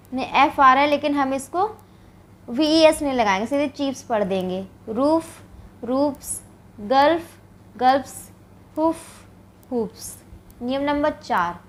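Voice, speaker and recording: A woman from India with a slightly high, fairly bright voice leads a classroom grammar lesson in English. Explaining step by step, she answers the questions she sets and often uses "ठीक है" to check in.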